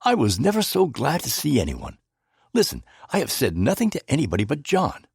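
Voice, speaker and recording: A man voicing an earnest, excitable young English gentleman, eager and impatient, in an audiobook. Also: mid-range voice, brisk, gravelly, breathy edge, no room sound, clean studio sound, voice pushed up, heavily acted. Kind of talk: audiobook character voice.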